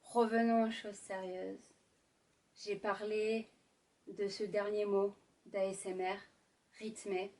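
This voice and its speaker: A woman doing an ASMR role-play as a sultry, intimate ASMR narrator, speaking sensually to the listener with lingering pauses. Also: medium pitch, level tone, warm tone, far from the mic, poor audio. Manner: slow, lingering delivery with deliberate pauses. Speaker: ASMR performer.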